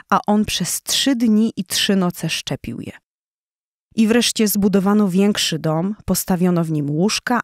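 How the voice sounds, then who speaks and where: A woman narrating a children's audiobook in a clear, even storytelling voice. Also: on the low side, dry recording, studio quality.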